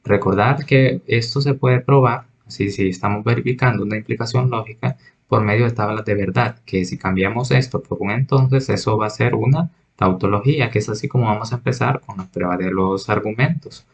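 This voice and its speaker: Husky man explaining a logic lesson. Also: on the low side, brisk, highs cut off. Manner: methodical, repeats and restates points. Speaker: teacher.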